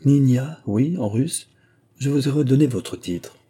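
A man reading aloud as a polite, shy young gentleman, speaking courteously. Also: mid-range voice, lively intonation, slightly rough, pitched above the performer's own voice. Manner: courteous, measured.

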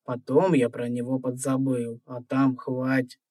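A man's voice: medium pitch, flat delivery, unhurried, warm tone, no room sound, natural voice. Man playing a wry, drawling old dragon. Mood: leisurely, dismissive. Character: wry, courteous ancient male dragon, teasing and leisurely. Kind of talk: audio fairy-tale dramatisation.

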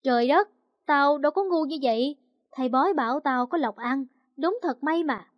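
A woman's voice: sits high, moderate pace, no room sound, dull audio, natural voice. A woman voicing a cheeky, playful teenage boy who teases his friend. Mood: teasing. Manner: teasing, playful.

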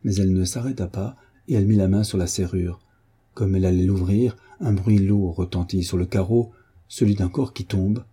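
A man narrating a classic novel in a measured, steady storytelling manner. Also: sits low, breathy edge. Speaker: audiobook reader. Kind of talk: literary narration.

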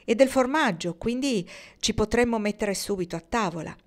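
A woman's voice: on the high side, lively intonation, normal speed, voice pushed up, lightly acted. A woman reading aloud, voicing a friendly, practical young woman in a lightly raised voice. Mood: inviting.

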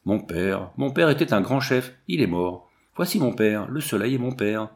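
A man's voice: lowish voice, expressive, normal speed. A man voicing a proud, defiant young woman who speaks in a haughty, commanding way.

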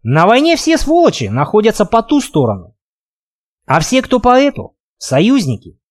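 Older professor, voiced by an audiobook reader, calm and mocking. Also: male voice, high-pitched, normal speed, no echo, studio quality, voice pushed up. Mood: cynical.

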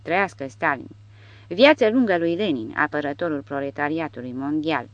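A woman's voice: low voice, animated, no echo, highs cut off. A woman voicing a drunk, blustering male Soviet secret policeman who bellows slogans and threats, in a storybook reading. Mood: drunken bluster.

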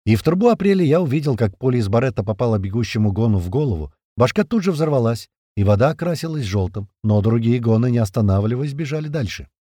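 A man's voice: medium pitch, animated, fast, hardly any pauses, dark tone, no room sound. A man narrating a first-person audiobook in a conversational tone with casual swearing, close to the mic.

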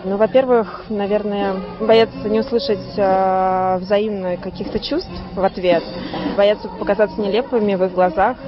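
A woman's voice: medium pitch, fairly even intonation, moderate pace, lo-fi sound, over music. A woman answering a street interviewer hesitantly, weighing her words. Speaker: passer-by interviewee.

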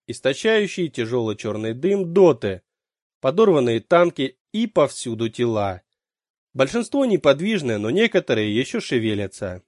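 A man reads a science-fiction war story aloud in the first person, his pitch rising and falling with animated expression. His medium voice sounds close and dry, with no room around it. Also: no echo. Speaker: audiobook narrator. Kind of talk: first-person audiobook narration.

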